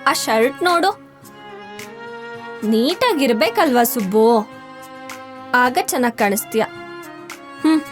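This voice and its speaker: A young woman in a web series drama, high-pitched and brisk, scolding one moment and mothering the next. Soft music sits faintly under her lines. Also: lively intonation. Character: caring but dismissive young woman.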